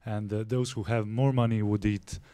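A man in his thirties from Serbia with a Serbian accent, asking a halting question into a handheld mic at a panel forum. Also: on the low side, flat delivery, warm tone, smooth, dry recording. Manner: halting, many restarts. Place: lecture room with audience.

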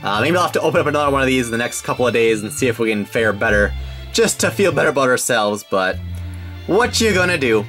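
A man hosting a card unboxing in casual commentary, with an animated, sing-song way of calling out items. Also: mid-range voice, fast talker, faint music behind. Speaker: host of a trading card unboxing channel. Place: indoors at a tabletop set.

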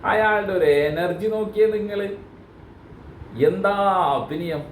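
A man's voice: on the high side, animated, normal speed, echoey room, slight background noise, rough recording. A man hosting a reaction video, joking and teasing in mock outrage. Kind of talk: casual comic commentary.

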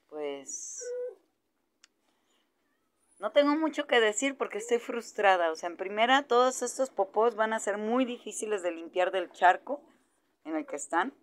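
A woman with a mid-range voice vlogs casually from her outdoor dog yard, with slight background noise. She coos at and scolds her dogs in a raised voice, then grumbles aside to the camera.

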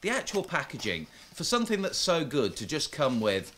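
A man's voice: fairly high pitch, huge pitch swings, moderate pace, sharp tone, a little hiss or hum. A man co-hosting a magic product review, chatting casually and explaining a trick step by step as he handles it. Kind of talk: casual review chat while demonstrating a trick.

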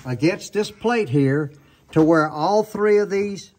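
A high-pitched, expressive man speaks slowly with a slightly mellow tone over a little background noise. He's an older sawmill sharpening show host giving a casual how-to demonstration, rambling in a folksy way and often backing up to correct himself. It was filmed on a handheld camera in an open barn workshop.

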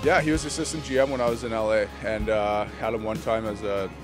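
A man's voice: on the low side, steady tone, quick pace, over music. A young man answering questions in a casual street interview outdoors, easygoing and laughing along, speaking into the host's handheld mic. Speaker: interview guest.

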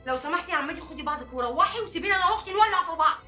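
A woman's voice: very high-pitched, lively intonation, rapid-fire, sharp tone, soft background music, exaggerated voice. An actress with an Egyptian Arabic accent playing a defiant young woman who argues fiercely with her family. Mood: angry. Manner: fiery, confrontational.

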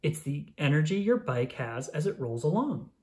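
This is a narrator presenting a science book for young children with clear, lively storytelling. Pitch is medium and the speed is normal.

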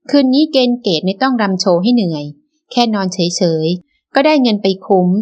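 A woman's voice: medium pitch, lightly acted. A woman playing a sneering young villainess. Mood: gloating. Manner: sneering, sweetly mocking.

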